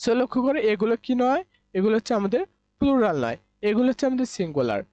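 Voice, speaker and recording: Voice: medium pitch, very animated, fast, a little mellow, dry recording. Patient teacher, dull dry recording. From Bangladesh. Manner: repetitive, asks and answers own questions. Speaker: English teacher. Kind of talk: exam-prep lesson in Bengali.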